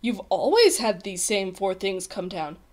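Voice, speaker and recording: A woman's voice: mid-range voice, expressive, a little slow, darkish tone, lightly acted. A woman voicing an earnest young page boy in a storybook, polite and deferential but anxious and frank. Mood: calming. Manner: deferential, pleading, gasping. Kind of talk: storybook character voice.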